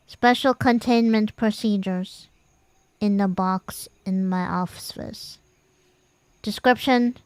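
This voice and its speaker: A woman reading spooky fiction aloud in a measured, deadpan manner. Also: medium pitch, clear, resonant tone, dry recording. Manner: playful and animated when chatting. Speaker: streamer reading horror stories aloud.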